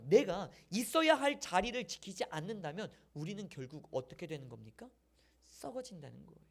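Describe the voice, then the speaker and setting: A man preaching a sermon as pastor, in a conversational way, often asking rhetorical questions. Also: high voice.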